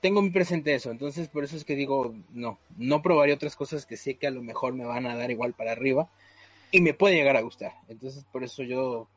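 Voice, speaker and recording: A man's voice: mid-range voice, fairly quick, breathy edge, dry recording. A man hosting a casual podcast chat, hesitant and full of fillers. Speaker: podcast host.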